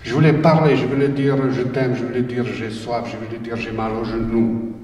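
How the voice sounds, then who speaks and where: On a conference hall panel, a writer with a Bosnian accent tells personal stories haltingly, repeating words and slipping in wry humor. His mid-range voice is level and a little mellow. A distant mic catches him, with a long reverb in the roomy hall and faint noise.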